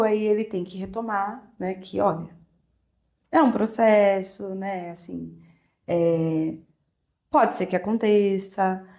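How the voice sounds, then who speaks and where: A woman with a Brazilian Portuguese accent tells her own story as a podcast guest. She speaks in a reflective, emotional way with soft fillers, at a mid pitch. The room around her sounds echoey. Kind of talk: personal storytelling in conversation.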